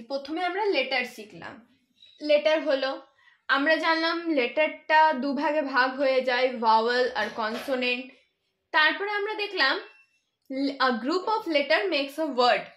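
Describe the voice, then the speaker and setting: A woman teaching a children's English lesson, spelling out words slowly and patiently, letter by letter. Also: sits high, sharp tone. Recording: echoey room.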